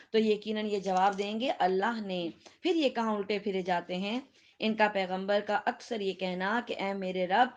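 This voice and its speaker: A middle-aged woman with a Pakistani Urdu accent, lecturing a Quran class and putting questions to her students. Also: medium pitch. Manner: questions the students and laughs with them.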